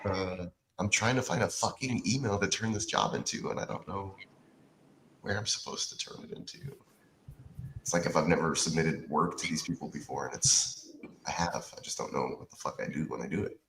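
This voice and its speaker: A man's voice: low-pitched, a little fast, creaky, fairly bright tone. A man co-hosting a podcast in casual chat, distracted and swearing while he types. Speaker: podcast co-host. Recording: echoey room, faint noise.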